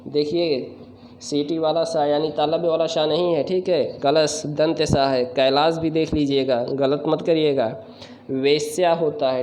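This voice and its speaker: A man's voice: a little high, dark tone. A man teaching correct Hindi spelling, going word by word and correcting common mistakes, often addressing viewers as friend. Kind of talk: spelling lesson to camera. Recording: echoey room, faint background noise.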